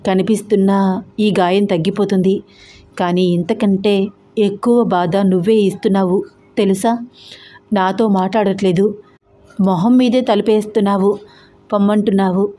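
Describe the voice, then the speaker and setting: A woman's voice: mid-range voice, fairly even intonation, normal speed, pauses often, dark tone, lightly acted. A woman voicing a young husband who pleads and tries to explain himself, in an emotional audio story. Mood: pleading.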